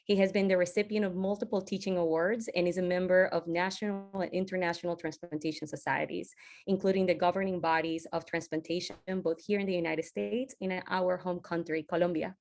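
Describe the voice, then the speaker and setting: Low-voiced woman moderating a webinar. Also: fairly even intonation, a little fast, a little mellow. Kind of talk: formal introduction and interview questions.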